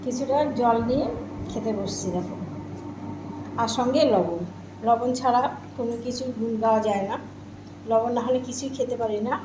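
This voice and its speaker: With a fairly high voice at a moderate pace, a woman who vlogs about home cooking and eating chats casually to her viewers from her home. She pauses often, repeats her phrases and asks them questions. The room is echoey and background noise is clearly audible.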